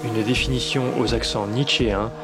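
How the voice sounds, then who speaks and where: A man reading a scripted documentary voice-over in a measured, dryly critical manner. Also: mid-range voice, fairly even intonation. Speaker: documentary narrator. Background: music.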